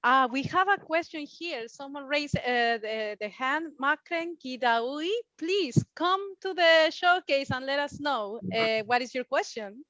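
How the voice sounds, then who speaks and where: A woman moderating a webinar, polite and slightly halting as she hands over questions. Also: high-pitched, expressive, a bit bright, no echo. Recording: dry, dull call audio.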